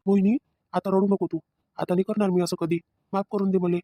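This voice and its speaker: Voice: medium pitch, flat delivery, fairly quick, mellow, no room sound, natural voice. A performer voicing a remorseful young husband in a cartoon family drama who pleads and defends himself, speaking. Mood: pleading.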